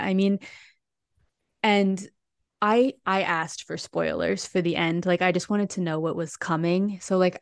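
A woman's voice: lowish voice, clean tone, no echo. A woman co-hosting a podcast, recapping a musical in casual, rambling chat full of restarts. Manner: chatty, lots of "like" and restarts. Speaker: podcast co-host.

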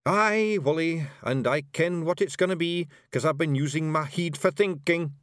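A man voicing a tough, bossy little male fairy clan leader with a Scottish accent and a gruff, blunt way of talking. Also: a little high, moderate pace, fairly bright tone, dry recording, studio quality, voice pushed up, lightly acted. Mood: scheming.

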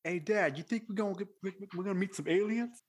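A man putting on a young man's voice in a put-on New York accent, pitched up and exaggerated. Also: fast talker, breathy edge. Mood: eager.

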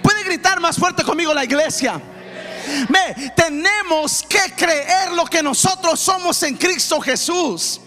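A pastor preaches at full force, his very high, bright voice ringing through a reverberant church sanctuary. He chants phrases in rhythmic runs and calls on the congregation to shout back. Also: unhurried, hardly any pauses, soft background music. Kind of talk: fiery Pentecostal sermon.

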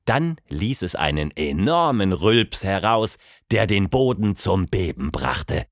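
Male children's-story narrator, very lively pitch, dramatic, dry close sound. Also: slow, no room sound.

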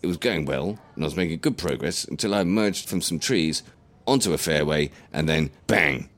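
A man's voice: rumbling low, moderate pace, fairly bright tone. A man voicing an elderly grandfather who tells a rambling, earnest tale. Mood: rueful. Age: older. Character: chatty elderly grandfather, injured golfer.

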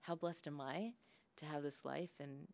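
A low-pitched woman talks in an unhurried way, her intonation fairly even, with vocal fry and a slightly mellow quality. As a business leader guesting on a podcast, this English-and-Spanish speaker muses casually, often tagging her remarks with "like" and "right?".

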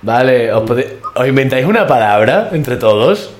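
A young man with a Spain Spanish accent co-hosting a podcast in playful, casual banter, quick to laugh. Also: medium pitch, big pitch swings. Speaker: podcast co-host.

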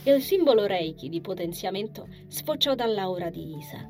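A woman reading a fantasy novel aloud in a calm, even storytelling manner. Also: medium pitch, moderate pace, music in the background. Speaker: audiobook narrator. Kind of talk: scripted narration.

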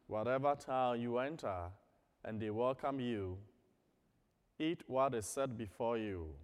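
A man serving as priest, proclaiming the Gospel and preaching at Mass in a measured, deliberate way, his voice ringing with cathedral echo. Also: medium pitch. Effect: cathedral echo, long church reverb. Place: large church during Mass. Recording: long reverb of a large church.

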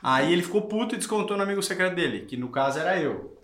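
A man hosting a casual podcast chat in an office studio, loud and teasing, often cutting in. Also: sits high, expressive, rapid-fire, reverberant. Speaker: host. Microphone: studio mic.

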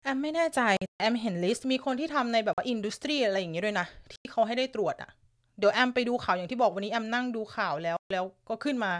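A woman's voice: mid-range voice, expressive, fast talker. A woman from Thailand hosting a casual live stream from her home, giggling often and chatting with viewers while nursing a lingering cough. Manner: chatty, giggly, reads viewer comments aloud. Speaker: live-stream news host. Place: home, upstairs room.

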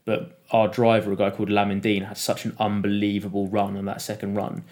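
Man, lowish voice, animated storyteller, casual interview guest. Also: brisk. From United Kingdom. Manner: animated, laughing storyteller who acts out quotes. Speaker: podcast guest.

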